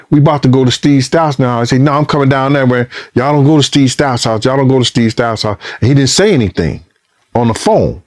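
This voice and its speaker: A man, a former bodyguard, telling a story in a casual interview, cursing freely and acting out what people said, his voice rising high and loud in the tense parts. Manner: profane, re-enacts dialogue, voice climbs high and loud when excited. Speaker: former bodyguard recounting events.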